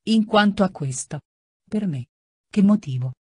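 A woman's voice: medium pitch, animated, unhurried, husky, no room sound. A woman reading an audiobook, voicing a young, humble peasant woman who speaks timidly and earnestly.

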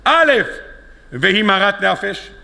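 A man's voice: sits high, expressive, vocal fry, sharp tone. A man giving a sermon as a rabbi, telling stories with animation and acting out the dialogue. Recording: long hall reverb.

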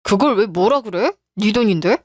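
A woman's voice: mid-range voice, animated, moderate pace, darkish tone, breathy edge, no echo, clean studio sound. A woman voicing a defensive, stubborn husband who talks in a curt, dismissive way.

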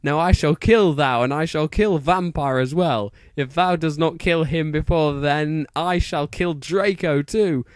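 A menacing dark lord, performed by a man in a fan fiction reading. He gives commands in an ominous, archaic manner, close and dry. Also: a little high, measured pace, hardly any pauses, dry recording, natural voice.

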